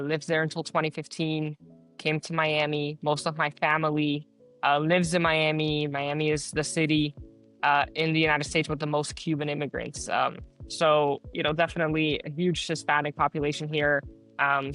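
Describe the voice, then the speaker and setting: A man's voice: fairly high pitch, a bit bright. A young man in his late teens, originally from the Netherlands, answering interview questions in an earnest, casual way with many fillers. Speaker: guest.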